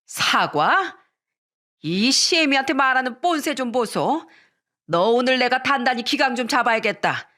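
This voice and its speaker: A woman's voice: sits high, expressive, unhurried, sharp tone, pitched above the performer's own voice, heavily acted. A woman voicing a domineering older mother-in-law who scolds with contempt, in a radio story reading. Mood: scornful.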